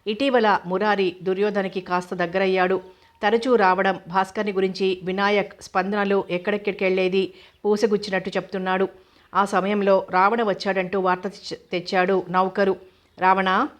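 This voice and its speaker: A woman narrating a novel aloud in a steady, even reading style. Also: mid-range voice, moderate pace. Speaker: audiobook narrator.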